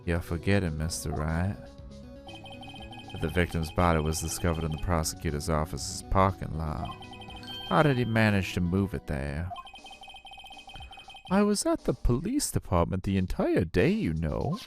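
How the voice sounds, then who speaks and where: A man voicing a pompous older male police chief in a fan dub of a game, speaking in a slow, mocking, theatrical way. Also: sits low, big pitch swings, over music. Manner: slow, drawn-out, mocking delivery.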